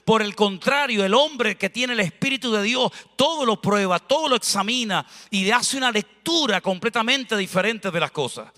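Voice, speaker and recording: A man preaches a lively, anecdote-filled sermon, his voice high-pitched and bright. He speaks into a handheld microphone in a church. The hall around him rings with a long reverb. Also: moderate pace, hardly any pauses. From Spain. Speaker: pastor.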